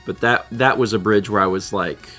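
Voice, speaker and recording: A man's voice: on the low side, normal speed, bright, forceful tone, soft background music. A man hosting a casual livestream, rambling and repeating himself as he muses and reads out viewer comments. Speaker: livestream host.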